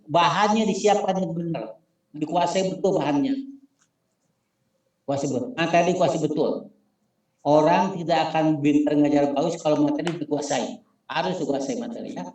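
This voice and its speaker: A man's voice: a little high, moderate pace, long pauses, darkish tone. A man with a Sundanese accent lecturing a class, repeating key points with emphasis and spelling out acronyms letter by letter. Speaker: instructor. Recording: echoey room.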